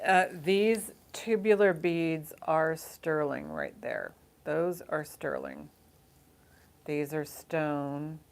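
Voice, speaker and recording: Low, creaky-voiced woman auctioneer, unhurried. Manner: chatty, informal auctioneer. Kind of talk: casual live-sale auctioneering, counting down bids.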